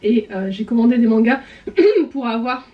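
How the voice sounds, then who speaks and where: On dull-sounding audio, a woman with a voice on the high side and lively intonation chats at normal speed about her books. The book vlogger uses many fillers, clears her throat, and complains that her voice is going.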